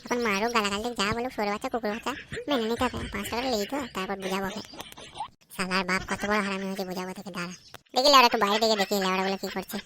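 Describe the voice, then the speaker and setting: Fast-talking woman doing cartoon banter. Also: medium pitch, fairly even intonation, sharp tone, a little hiss or hum. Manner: rapid, crude slang-heavy banter. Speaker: cartoon voice artist. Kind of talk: comic cartoon dialogue voicing. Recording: voice over background music.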